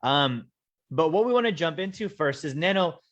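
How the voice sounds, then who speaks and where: A man from Alaska hosting a webinar, talking in a measured way, slowing down to stress key points with frequent "okay?". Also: a little high, animated, fairly bright tone, lo-fi sound. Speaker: host, wealth coach. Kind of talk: casual webinar presentation.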